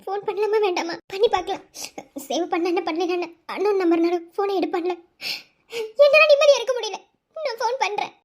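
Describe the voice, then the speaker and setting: A woman's voice: very high voice, fairly quick. A woman with a Madurai Tamil accent voicing a lovesick young woman in a cartoon. She talks anxiously and breaks into teary laughs. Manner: sobbing laughs between anxious, self-questioning lines. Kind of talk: cartoon voice acting.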